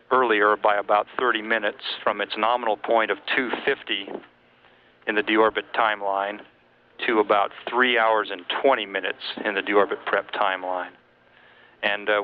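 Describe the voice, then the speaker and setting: Low-voiced man on thin astronaut radio. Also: narrow, tinny audio. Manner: measured, procedural, matter-of-fact. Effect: space radio link. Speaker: capcom at mission control. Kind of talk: astronaut radio exchange, technical briefing. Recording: thin radio link, faint noise.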